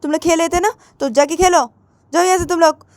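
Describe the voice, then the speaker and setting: A woman voicing an impatient older sister who scolds and shoos children away in a raised, sharp voice. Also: very high-pitched, steady tone, fast, dry recording, pitched above the performer's own voice. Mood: scolding. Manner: scolding, shooing.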